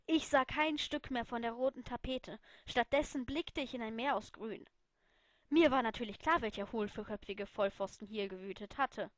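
Female storyteller, first person, lively read, slightly high voice, dry recording. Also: normal speed, dry recording. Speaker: reader.

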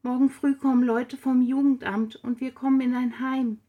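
A shaken teenage girl speaks in a quiet, halting way, as a woman reading aloud puts her on. Her voice sits a little high. She sounds close to tears in this storybook scene. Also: level tone. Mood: tearful.

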